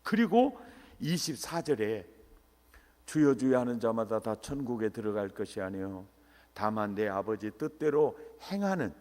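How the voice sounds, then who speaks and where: Brief: middle-aged male revival preacher, animated with sudden shouts, long church reverb. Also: lowish voice, a little slow. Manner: animated, swings to shouts, quizzes the congregation. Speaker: pastor, revival meeting speaker. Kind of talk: revival sermon. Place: church sanctuary. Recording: echoey church hall.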